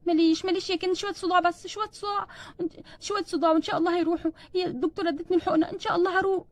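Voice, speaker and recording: A woman's voice: very high voice, fairly even intonation, racing, dry recording. A woman voicing a frightened, sick young wife and mother doll, with an Egyptian accent and anxious, pleading questions. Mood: pained. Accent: Egyptian Arabic. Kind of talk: doll play storytelling.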